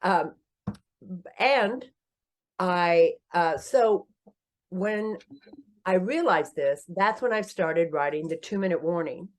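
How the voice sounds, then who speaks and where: In a relaxed podcast chat, a sixty-something author and entrepreneur shares her life story with plenty of self-mockery and frequent laughter, her voice jumping higher on the jokes. She speaks slowly and pauses often.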